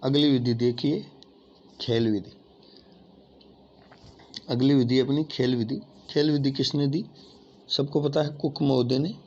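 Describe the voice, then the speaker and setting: A man's voice: medium pitch, steady tone, unhurried, long pauses, darkish tone. A man teaching an exam-prep lesson, addressing listeners as friends and asking and answering his own questions. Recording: dull lo-fi audio with faint noise.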